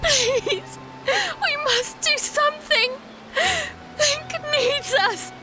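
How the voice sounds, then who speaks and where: A frantic young princess, super high pitched, crying and begging, audio drama with big loud music under it. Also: female voice, very slow, heavily acted. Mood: frantic, anguished. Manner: pleading, crying out. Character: desperate, grief-stricken young princess. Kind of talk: cinematic audio drama acting.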